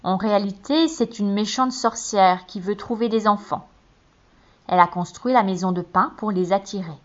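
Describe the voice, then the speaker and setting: A woman reading a fairy tale aloud with expressive storytelling. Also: medium pitch, normal speed. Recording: muffled, dull recording.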